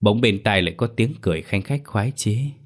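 A man reading a horror story aloud as a storyteller, in a measured, slow manner. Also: on the low side, animated. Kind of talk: scripted horror story narration.

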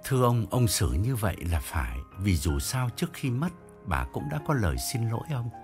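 A man's voice: medium pitch, big pitch swings, brisk, darkish tone, faint music behind. A man voicing a respectful young male servant who speaks deferentially. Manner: polite, deferential.

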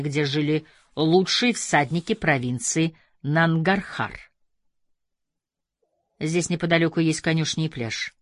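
Narrator voicing a calm, resolute older crime boss. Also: male voice, on the high side, no room sound, studio quality. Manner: soft-spoken, measured.

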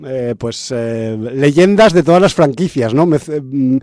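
A man's voice: medium pitch, lively intonation, measured pace, dark tone, no room sound. A man from chatting casually about a film's cast as a podcast host, full of fillers and restarts. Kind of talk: casual film review chat.

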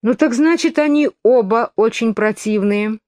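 A woman's voice: fairly high pitch, moderate pace, a little mellow, dry recording, studio quality, pitched above the performer's own voice, natural voice. Alice, a girl, as a woman reads her. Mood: earnest. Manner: earnest, indignant when argued with. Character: curious polite young girl, Alice.

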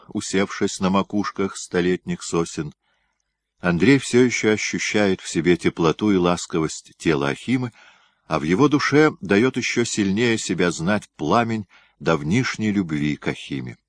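A male audiobook narrator with a very low voice reads a historical novel. His delivery is measured and descriptive, lingering on scenery. The recording is dry, with no room sound. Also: animated, dry recording.

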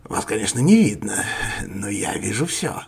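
A man voicing a calm, sinister male rebel leader who speaks slowly and courteously, with a husky, creaky voice. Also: lowish voice, full character voice. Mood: suave menace. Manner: slow, courteous, menacing.

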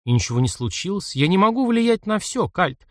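A man reading aloud, voicing a frightened but defiant woman who speaks quietly and tensely. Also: high-pitched, big pitch swings, fairly quick, dry recording, clean studio sound, pitched above the performer's own voice.

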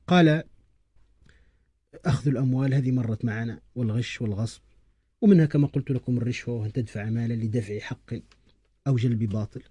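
A man teaching an Islamic lesson to a class, explaining terms and slowly repeating lines for students to write down. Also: mid-range voice, a little mellow, husky, no room sound.

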